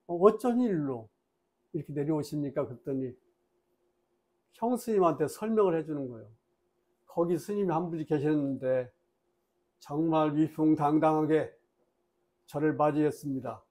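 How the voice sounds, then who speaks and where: Male dharma lecturer with a high voice, lively storyteller who acts out his characters. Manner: plain, explanatory lecturing.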